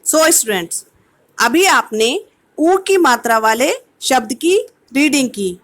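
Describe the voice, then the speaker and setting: A woman teacher leads an online lesson for young children. Her voice sits high and light. She moves at an unhurried pace, sounding out each word piece by piece with steady patience. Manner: slow, patient syllable-by-syllable sounding out of words. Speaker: primary school teacher. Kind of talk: online kindergarten Hindi lesson.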